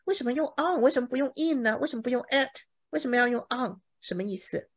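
Lively woman teaching English in Mandarin. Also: high-pitched, fast talker. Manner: explains words in Mandarin, checks with "OK?"; acts out examples dramatically. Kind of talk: bible English lesson.

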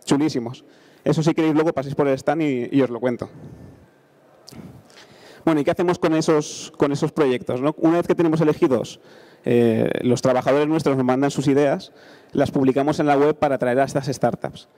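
With a mid-range, brisk and warm voice, a man in his thirties with an accent from Spain presents a startup accelerator at a conference. The engineer talks informally into a handheld microphone on stage, regularly checking in with listeners.

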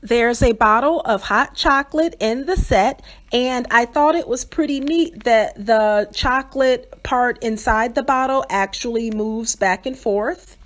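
A woman hosting a doll channel, cheerfully describing toy pieces in an unboxing review voice-over. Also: a little high. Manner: cheerful, enthusiastic, descriptive with fillers.

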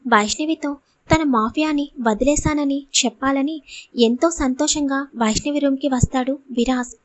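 A woman narrates a serialized audiobook, telling a family drama in a dramatic, emotional way. Her voice sits high. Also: normal speed.

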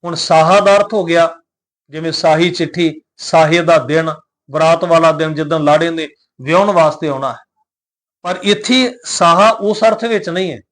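A man with a fairly high voice gives a recitation lesson. He chants verses slowly and measuredly. Between the verses he explains pronunciation patiently and repeats each point. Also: fairly bright tone. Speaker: scripture teacher.

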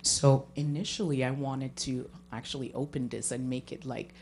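At a public meeting in a municipal meeting room, a woman speaking as a homeowner applicant explains things informally into a handheld microphone. Her voice is extremely low and a little mellow, with fairly even intonation at normal speed, over a faint background hum.

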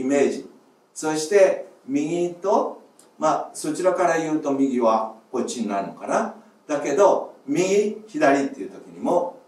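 A male music teacher giving a video lesson on breathing exercises, calling out short, loud counts as he demonstrates. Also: a little high. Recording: roomy echo, distant mic.

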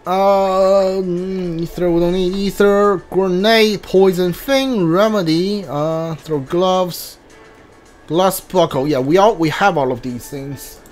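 Speaking slowly in a high, slightly mellow voice, a man gives relaxed commentary on a video game he's playing. He reads out what's on screen and murmurs to himself as he thinks, over video game music.

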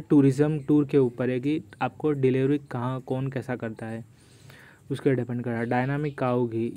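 Young male vlogger, monotone delivery, mellow smooth tone, casual product walkthrough. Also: medium pitch. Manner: repeats "doston" often, reads prices aloud. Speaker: YouTube host. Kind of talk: screen-recorded product walkthrough.

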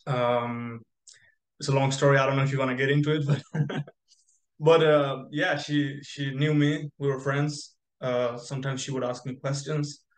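Speaking at normal speed in a mid-range voice with flat delivery, this young man raised in Spain rambles through his story, full of fillers and restarts. He is a guest on a video call from a bright room, and the audio carries room echo.

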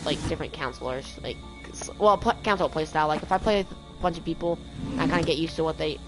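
Young woman gamer, low-ish voice, rambly and annoyed, cussing a lot. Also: fast. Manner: frustrated, swearing, rambling. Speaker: gamer streamer. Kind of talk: casual gameplay commentary. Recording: voice over game music.

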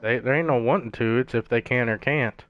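A man's voice: medium pitch, a little fast. A man trash-talking his friends in casual voice chat while gaming, brash, profane and mocking. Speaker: gamer streaming with friends. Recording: dull lo-fi gaming mic, faint hiss.

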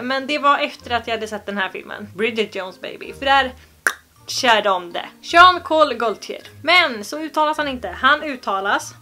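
A woman's voice: on the high side, sharp tone. A young Swedish woman vlogging to camera in a playful, joking way, with exaggerated pronunciations. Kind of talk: casual vlog to camera.

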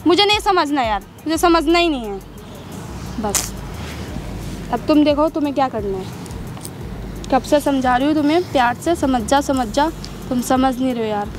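A woman's voice: sits high, expressive, moderate pace, pauses often, noisy background. A young woman in a staged social drama, arguing insistently and repeating herself in an outdoor park. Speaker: sister-in-law in a staged park confrontation.

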